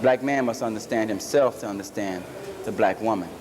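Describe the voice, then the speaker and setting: A man's voice: on the low side, brisk. A man giving an earnest, declarative opinion in an interview. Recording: noisy old video recording.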